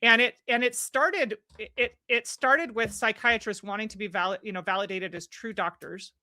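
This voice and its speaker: A woman's voice: mid-range voice, moderate pace, bright, forceful tone, no room sound. A middle-aged woman guest on a podcast, talking earnestly and often restarting her sentences. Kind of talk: podcast conversation.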